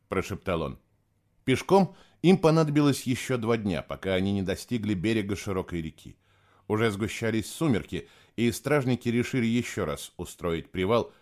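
A man reading a novel aloud in expressive, scripted narration. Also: on the low side. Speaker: audiobook narrator.

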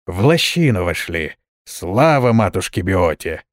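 A man's voice: low-pitched, very animated, measured pace, no echo, clean studio sound, pitched below the performer's own voice. A man reading the lines of a loyal, whiny male dwarf servant who complains a lot. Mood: excited. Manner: complaining, plaintive.

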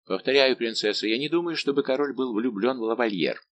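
A man's voice: mid-range voice, fairly quick, fairly bright tone, muffled recording, a little hiss or hum, close to an everyday voice. Man voicing a respectful devoted count. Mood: earnest. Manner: respectful firmness. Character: respectful devoted young nobleman count, firm.

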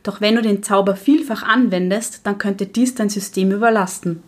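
A woman's voice: mid-range voice, steady tone, normal speed, lightly acted. A woman playing a strict, unflinching witch teacher in an audio drama, giving curt, matter-of-fact instructions. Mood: stern instructing.

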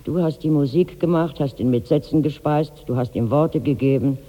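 A man's voice: on the high side, moderate pace, big-room sound, highs cut off, lightly acted. An actor playing a mournful, plain-spoken servant in a 1960s radio drama, recounting what he saw. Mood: reproachful. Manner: recounting, shifting into quoted cries.

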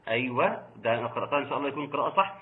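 A man with an Egyptian accent teaching Quran recitation rules online, reciting slowly and patiently correcting his students. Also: mid-range voice, animated, narrow, tinny audio. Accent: Egyptian Arabic. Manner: slow drawn-out recitation of verse examples, patient corrections.

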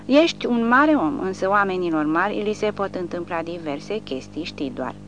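A woman's voice: lowish voice, lively intonation, a bit bright. A woman voicing a sly, mocking male soldier who grins as he taunts. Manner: grinning, mocking. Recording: dull recording with faint hum.

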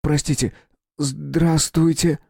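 A man's voice: fairly high pitch, little pitch movement, slow, vocal fry, a little mellow, husky, dry recording, studio quality, pitched above the performer's own voice, exaggerated voice. A man voicing a polite curious boy. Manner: polite, hesitant. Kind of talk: audiobook character voice.

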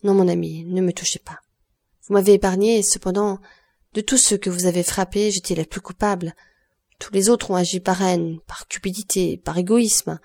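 With a medium pitch and a darkish tone, a woman reads as a grieving woman of thirty-nine broken by guilt. The character's words come out as sorrowful, self-accusing pleas.

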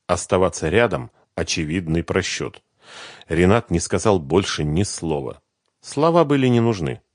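A man reading an audiobook in a measured, expressive way. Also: deep voice, no echo, studio quality. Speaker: audiobook reader. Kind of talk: scripted audiobook narration.

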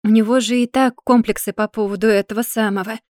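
A woman's voice: on the high side, steady tone, darkish tone, no room sound, studio quality, lightly acted. Woman doing an exasperated young wife. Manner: pleading and sarcastic, drawn-out complaints. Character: exasperated young wife, sharp-tongued and plaintive.

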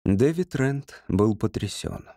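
A man's voice: on the low side, expressive, takes it slowly, vocal fry, dark tone, dry recording, studio quality. Man reading a story aloud. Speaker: audiobook narrator. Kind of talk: scripted narration.

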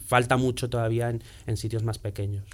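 A man's voice: medium pitch, steady tone, fast. Guy writer in an interview, chatty, lots of fillers, middle voice. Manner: chatty, self-deprecating, lots of "o sea" fillers. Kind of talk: casual interview chat.

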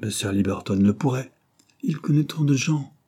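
A sulky, restless young man, put on by a male audiobook reader, pleading in a raised, husky voice. The tone stays dark and a little breathy, with a petulant edge. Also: medium pitch, expressive, normal speed, voice pushed up. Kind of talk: audiobook character reading.

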